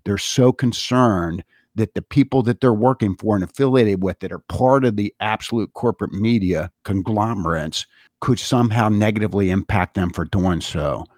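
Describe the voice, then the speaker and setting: A man with a fairly low voice delivers a long political monologue. He hammers his points with insistent repetition, like a speech. The sound is dry and close, with no room echo. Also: normal speed, darkish tone. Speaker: political commentator. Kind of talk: monologue commentary.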